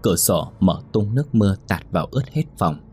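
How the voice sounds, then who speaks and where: A man narrating a ghost story in a steady storytelling manner. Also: deep voice, fairly quick, a little hiss or hum.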